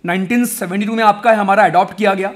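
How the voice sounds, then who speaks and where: A young man teaching exam-prep mnemonics in a chatty, energetic lesson, calling his viewers friends and brothers. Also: high voice, fast.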